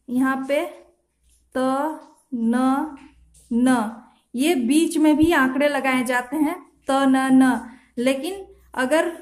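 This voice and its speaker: High-voiced woman going over shorthand strokes one by one, slow, echoey room. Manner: spells out strokes one at a time, repeats examples. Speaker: shorthand teacher. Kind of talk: slow step-by-step tutorial.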